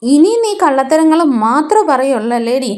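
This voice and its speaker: This is a furious young woman from a television serial, storming at her rival with blunt accusations, as a woman retelling the episode puts her on. The voice sits high. She is angry throughout. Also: expressive, normal speed. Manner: shouting accusations.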